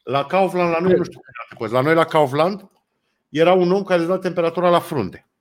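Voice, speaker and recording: A man in a casual chat who asks short, curious questions. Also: a little high.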